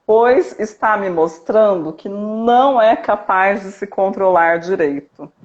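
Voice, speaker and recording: A woman family coach calmly explaining parenting in a live video chat, checking in often with her listener. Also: mid-range voice, takes it slowly. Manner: calm, didactic, checks in with "tá?". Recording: dull lo-fi live stream audio.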